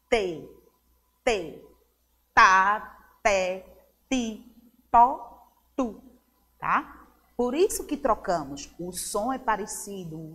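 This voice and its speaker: Slow, lively Brazilian teacher, echoing room. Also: female voice, medium pitch. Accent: Brazilian Portuguese. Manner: slow, drawn-out syllable drills with frequent "tá?" checks; warm, encouraging classroom tone to young pupils. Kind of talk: children's phonics lesson.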